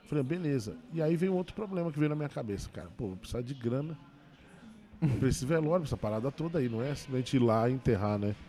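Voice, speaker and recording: A man who works as a stand-up comedian, telling a personal story in a relaxed interview. He talks fast and with feeling, stumbling and restarting his sentences as he goes. His voice sits at an ordinary middle pitch for a man. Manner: fast, emotional retelling with many restarts.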